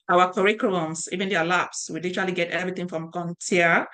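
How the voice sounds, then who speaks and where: A middle-aged woman from Cameroon runs an online cybersecurity class. Her voice sits a little low, and her delivery is casual, with fillers and restarts. She is picked up by a webcam mic on a video call. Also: fairly bright tone. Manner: conversational, with frequent fillers and restarts. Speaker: cybersecurity instructor and training founder. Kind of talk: online training session presentation.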